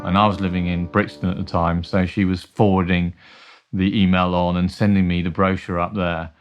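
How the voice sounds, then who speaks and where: A man telling wry, animated stories in a documentary interview. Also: sits low. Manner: animated, wry anecdotes with playful quoted voices. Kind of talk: storytelling interview.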